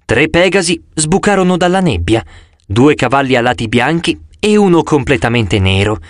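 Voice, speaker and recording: A man reading an audiobook with animated first-person storytelling. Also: fairly high pitch, moderate pace, no room sound, studio quality. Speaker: audiobook narrator.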